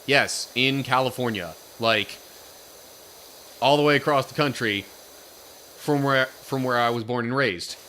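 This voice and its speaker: A man's voice: medium pitch, unhurried, pauses often, pushed and bright, a little hiss or hum. A young man from Pennsylvania, chatting casually on a live stream, telling a rambling story and reading chat comments aloud.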